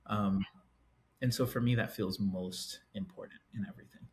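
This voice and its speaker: A middle-aged man from Liberia, an educator and author, speaking as a podcast guest in a thoughtful, measured way with frequent ums. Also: on the low side, steady tone, a little hiss or hum. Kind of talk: reflective interview talk.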